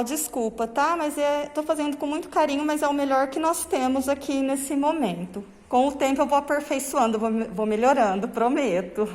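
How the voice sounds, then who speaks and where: A woman teacher explaining a lesson to young pupils, speaking through a face mask in slow, drawn-out phrases and checking in with the class often. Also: high-pitched, darkish tone, big-room sound, rough recording. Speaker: primary school teacher. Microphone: phone camera.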